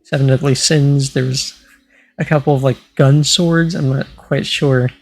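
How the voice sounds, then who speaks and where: A young man co-hosting a casual podcast chat, measured and matter-of-fact, pausing often with ums. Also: medium pitch, steady tone, creaky, a little mellow, low-quality recording. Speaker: podcast co-host.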